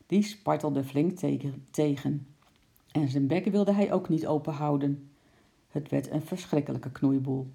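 Low gravelly woman reading a storybook. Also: a little slow, mellow. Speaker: narrator.

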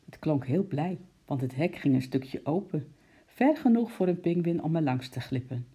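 Low-voiced woman reading a children's story. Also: animated, moderate pace, mellow. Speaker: narrator.

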